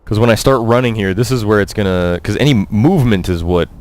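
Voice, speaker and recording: A young man doing casual, halting, sardonic commentary as he live-streams a video game. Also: on the low side, a little mellow. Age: young adult.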